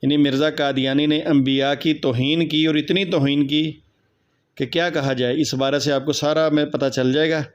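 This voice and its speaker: A man's voice: fairly high pitch, steady tone, normal speed, clear, resonant tone. Earnest man introducing a video, lo-fi sound. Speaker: channel host introducing a video. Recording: dull, lo-fi recording.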